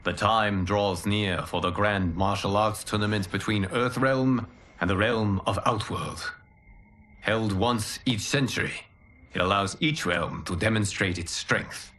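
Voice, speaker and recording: An actor playing a calm fire god and mentor in a game cinematic, speaking in a formal, measured, authoritative way. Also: male voice, lowish voice. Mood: explaining gravely. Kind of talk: video game cinematic acting.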